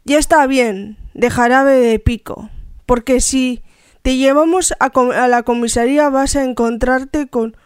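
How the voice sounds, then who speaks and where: A bullying, sarcastic police officer interrogating a suspect, as a woman reads his lines. The voice is high-set, slow and very clear, recorded close and dry. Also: steady tone, no room sound. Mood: menacing. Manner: menacing interrogation.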